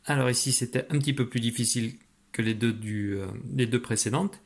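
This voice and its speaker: A man teaching French letter sounds to young children in a patient, encouraging way, slowly spelling out letters and syllables and praising the listener. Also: mid-range voice. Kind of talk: phonics lesson for young children.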